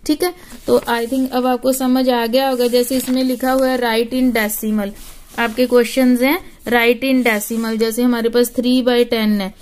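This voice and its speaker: High-voiced patient woman maths teacher. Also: level tone, a little slow, darkish tone. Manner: patient, addresses students as "beta". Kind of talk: classroom lesson.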